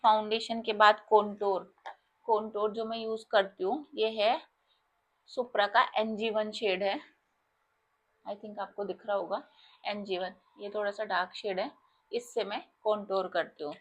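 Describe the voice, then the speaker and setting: A woman's voice: medium pitch, little pitch movement, normal speed. A young Indian woman, a makeup artist, talking casually and explaining her products step by step to viewers.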